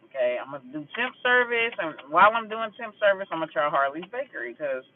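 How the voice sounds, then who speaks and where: A man with a high voice rants bluntly in a casual vlog, swearing freely as he vents and then reads tarot cards. The sound is thin and tinny, like audio heard through a phone line. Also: very animated, quick pace, slight background noise. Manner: blunt, profane and emphatic, venting about a grudge. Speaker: vlogger doing a tarot reading.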